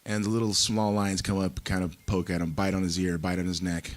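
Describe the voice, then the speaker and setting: A male fighter delivering menacing trash talk in halting phrases. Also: deep voice, little pitch movement.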